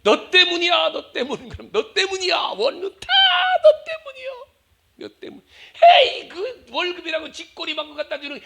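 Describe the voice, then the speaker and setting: A man's voice: very high voice, very animated, normal speed, vocal fry, sharp tone, pitched above the performer's own voice, exaggerated voice. A man playing a middle-aged wife who scolds her husband in an exasperated rant. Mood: scolding.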